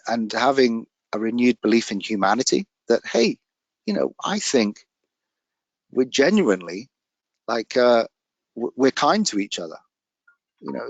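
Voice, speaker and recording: A man's voice: lowish voice, no echo. A man speaking as a guest in casual chat, telling stories in an earnest, reflective way.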